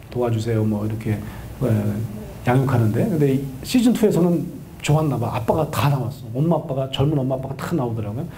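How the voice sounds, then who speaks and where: Animated lecturing middle-aged man. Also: mid-range voice, slight background noise. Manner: animated, acts out quoted voices of a wife and husband. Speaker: professor of counseling, lecturer. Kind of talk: lively lecture to an audience.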